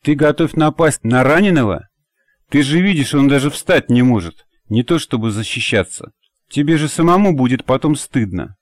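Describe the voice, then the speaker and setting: A man voicing a fiery, quick-tempered young woman in an audiobook, speaking in a sharp, commanding way. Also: medium pitch, lively intonation, no echo, pitched above the performer's own voice, lightly acted. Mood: defiant.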